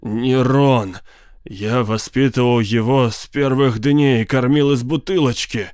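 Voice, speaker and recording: A man voicing an old male zookeeper who is gruff and devoted to his animals. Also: medium pitch, fairly even intonation, slow, a little mellow, dry recording, clean studio sound, natural voice. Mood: grieving. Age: older. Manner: dismissive, then grieving.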